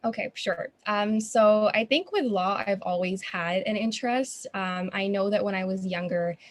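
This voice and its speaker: A woman's voice: medium pitch, normal speed, slight background noise. A young adult woman from Qatar, a student founder answering interview questions in an earnest, chatty way with frequent ums. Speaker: guest, student founder of an organization.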